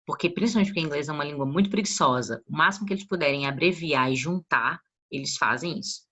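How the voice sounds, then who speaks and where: A woman's voice: deep voice, quick pace, pushed and bright, slight background noise. A woman teacher with a Brazilian Portuguese accent explaining an English grammar lesson in a casual way, often checking that her students follow. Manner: checks understanding with frequent tag questions.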